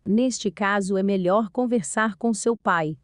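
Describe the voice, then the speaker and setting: A woman voicing a loving mother who gently and patiently reassures her teenage daughter. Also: mid-range voice, dry recording, studio quality, lightly acted. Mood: reassuring. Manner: gentle, reassuring, explaining slowly.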